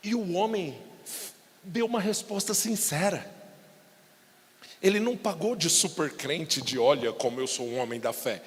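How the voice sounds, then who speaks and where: Brazilian male pastor, São Paulo accent, high-pitched, theatrical sermon delivery, church reverb. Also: normal speed, pauses often. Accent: São Paulo Portuguese. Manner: dramatic, acts out biblical dialogue with shouting peaks. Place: church hall. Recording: long church hall reverb.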